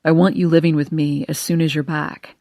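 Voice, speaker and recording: A woman voicing a caring, worried adult male boyfriend, a lawyer, speaking low, soft and quiet. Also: level tone, brisk, vocal fry, no room sound, clean studio sound. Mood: tender.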